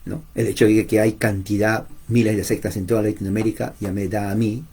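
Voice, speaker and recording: A man's voice: on the low side, level tone, fairly quick, a little mellow, breathy edge. A man preaching informally to camera, emphatic, repeating his points and addressing listeners directly.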